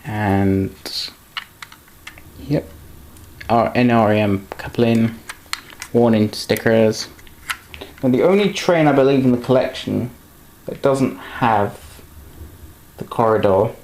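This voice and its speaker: A man's voice: medium pitch, slow pace, long pauses, darkish tone, slight background noise. A man casually talking through an unboxing of model trains, rambling and correcting himself as he handles the pieces. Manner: rambling, self-correcting, talks while handling items.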